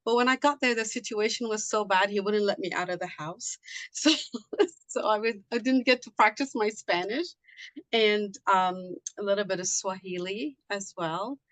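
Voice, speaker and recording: A woman's voice: medium pitch, moderate pace, dry recording, poor audio. Chatty middle-aged woman, dry sound. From Liberia. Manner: chatty, many fillers and restarts. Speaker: guest, immigration consultant. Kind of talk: casual interview.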